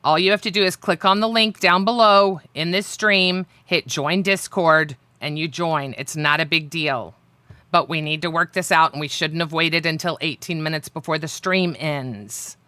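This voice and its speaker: Blunt fed-up woman on a stream, bright voice, dry close sound. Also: low voice, normal speed, no echo. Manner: blunt, exasperated. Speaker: livestream co-host. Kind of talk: heated livestream chat.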